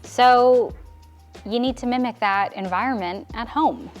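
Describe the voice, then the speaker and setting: A young woman talks casually to her camera about her plants, taking her time and stretching words out. She is chatty and teases herself. Soft music plays faintly underneath. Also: a little high. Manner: chatty and self-deprecating, drawn-out words. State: out of breath. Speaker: plant vlogger. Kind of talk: casual chat. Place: home apartment.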